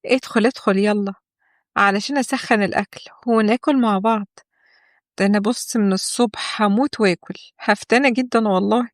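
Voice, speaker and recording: A weary young wife and doctor, as a woman narrator plays her in an Egyptian audio story, talking fast and pleading. The voice sits at a middle pitch, and the recording is dry and close. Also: no room sound, lightly acted. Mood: puzzled. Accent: Egyptian Arabic.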